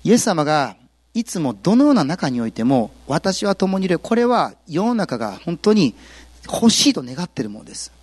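A male pastor giving a sermon, telling the story with lively, acted-out quotes. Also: on the high side, fairly quick, husky, dry recording. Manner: animated storytelling, acts out quotes.

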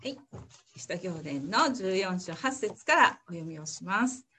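A woman reading a Bible passage aloud in church, steady and careful, then praying. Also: on the low side, unhurried, breathy edge. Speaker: scripture reader.

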